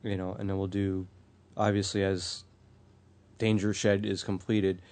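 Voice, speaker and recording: A man's voice: sits low, level tone, a little slow, a little mellow. A man co-hosting a podcast in casual chat, hesitant with fillers and dry jokes. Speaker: podcast co-host.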